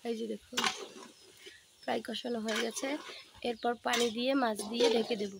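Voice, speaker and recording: A woman's voice: fairly high pitch, brisk, vocal fry, very noisy. A woman vlogger talks viewers through a recipe step by step while she cooks at a home wood-fired stove. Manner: steady step-by-step narration, addresses viewers as friends. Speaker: cooking vlogger. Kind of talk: casual cooking demonstration.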